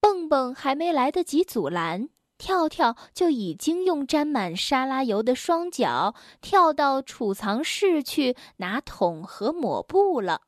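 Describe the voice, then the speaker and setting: A woman narrating a children's bedtime story in a slow, gentle and animated way. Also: high-pitched, no echo, studio quality.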